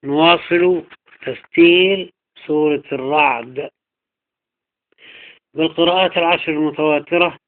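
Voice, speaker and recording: A fairly high-voiced man gives a recitation lesson, explaining each variant reading in quick, plain speech. Then he slows down to chant the verse itself. The sound is thin and narrow, as if heard over a phone line. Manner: alternates brisk explanation with slow drawn-out chanting of verses. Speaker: teacher of Quranic recitation readings. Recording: tinny phone-like recording.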